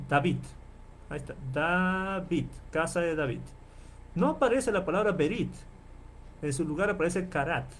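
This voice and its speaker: A man lecturing as a professor in an online class, explaining and repeating terms slowly and checking in with his listeners often. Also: on the high side, slight background noise. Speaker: Bible professor.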